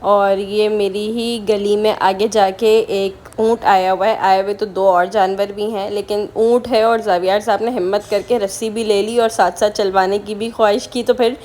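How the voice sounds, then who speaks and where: A woman's voice: mid-range voice, fairly even intonation, normal speed, few pauses, darkish tone. A young woman vlogger talking casually over her footage, chatting with viewers and asking them questions. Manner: chatty, often asks viewers directly.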